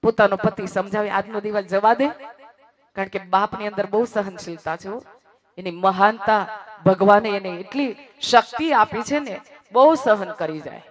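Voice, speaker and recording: In a mid-range voice at a moderate pace, a speaker narrates an emotional moral tale, shifting between hushed and raised, emphatic delivery and repeating phrases for effect.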